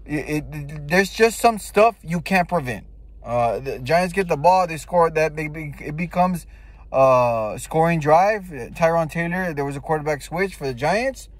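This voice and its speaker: A man's voice: a little high, expressive, measured pace. A man giving casual sports fan commentary in a blunt, emphatic way, with slang and swearing. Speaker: football fan giving game reaction.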